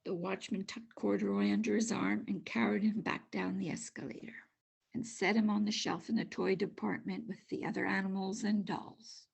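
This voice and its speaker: An older woman narrating a children's storybook aloud in an expressive, measured way. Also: medium pitch, gravelly, husky. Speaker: storybook reader.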